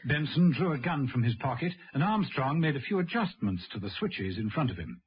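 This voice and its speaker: This husky, mid-range male voice moves fairly quickly and with great animation. He's performing scripted narration as the arch, wry storyteller of a radio serial, speaking dryly to the hero, and the radio recording sounds dull.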